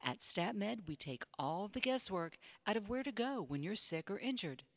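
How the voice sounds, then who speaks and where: A woman narrating a scripted promotional infomercial in a polished, measured sales-pitch manner. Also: no room sound. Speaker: commercial voice-over announcer. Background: music bed.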